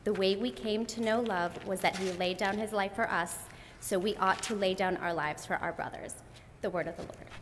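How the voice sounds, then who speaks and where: A woman's voice: medium pitch, steady tone, moderate pace. A woman around forty reading scripture aloud as a lector in formal phrases. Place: church, at the lectern. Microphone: gooseneck lectern microphone. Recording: echoey church with background noise.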